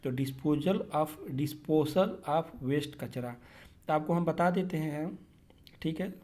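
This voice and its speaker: A man's voice: on the high side, a little mellow. A man, teaching an exam-prep lesson and explaining each question step by step, often checking in with his listeners. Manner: explains step by step, repeats "theek hai" often; reads English questions slowly, then explains in Hindi.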